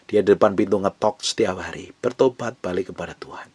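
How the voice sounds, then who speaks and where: A man preaching a fervent sermon, repeating phrases and swinging between loud urging and hushed whispers. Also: deep voice, fairly quick, slightly rough, no room sound.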